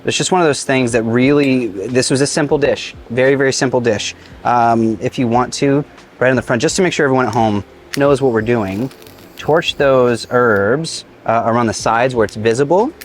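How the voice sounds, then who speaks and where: Enthusiastic chef host at the griddle. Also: male voice, medium pitch, moderate pace, a little hiss or hum. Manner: enthusiastic, chatty, talks with a mouthful at times. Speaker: cooking show host, chef. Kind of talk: casual cooking demonstration. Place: outdoor griddle cooking set.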